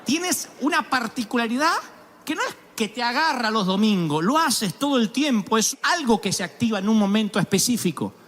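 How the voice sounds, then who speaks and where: A man preaching a sermon as pastor, animated and storytelling, with sudden exclamations and voices put on for the people he describes. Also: extremely high pitch, normal speed. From Argentina. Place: large church auditorium.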